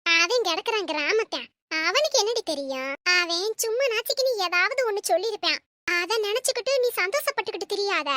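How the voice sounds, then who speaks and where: A woman's voice: very high voice, animated, bright, forceful tone, no room sound, exaggerated voice. A woman voicing a cheeky, scheming young daughter-in-law in a cartoon, talking in a chirpy, sly way. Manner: chirpy, sly and quick-witted. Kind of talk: cartoon voice acting.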